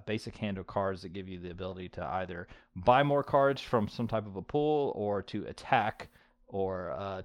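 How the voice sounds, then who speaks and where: Chatty low-voiced man podcasting. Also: no room sound. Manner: chatty, lots of likes and fillers. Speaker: podcast host. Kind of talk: casual board game podcast chat.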